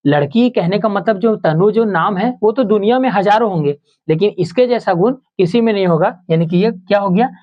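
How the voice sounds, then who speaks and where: On a lo-fi recording, a man gives a Hindi grammar lesson aimed at exam preparation. He keeps posing questions and answering them himself, repeats every example, and slows down and drops his voice low on the key terms.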